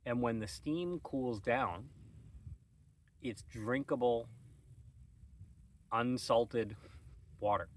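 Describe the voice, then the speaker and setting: A man's voice: medium pitch, distant mic. A man hosting a casual morning vlog, musing and rambling with wry asides while sitting outdoors on a shady farm terrace. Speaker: vlog host.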